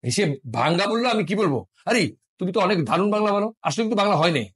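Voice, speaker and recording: Lively husky-voiced male teacher. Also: high-pitched, fast. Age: middle-aged. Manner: corrects and drills pronunciation patiently. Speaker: French teacher. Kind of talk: classroom lesson. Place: classroom.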